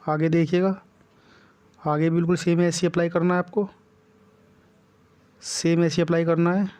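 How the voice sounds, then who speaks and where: A man's voice: fairly high pitch, flat delivery, moderate pace, darkish tone, smooth. Repetitive Hindi-accented male tutor. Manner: repetitive, checks in with "ठीक है" constantly. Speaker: Hindi grammar teacher. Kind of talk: whiteboard exam-prep lesson.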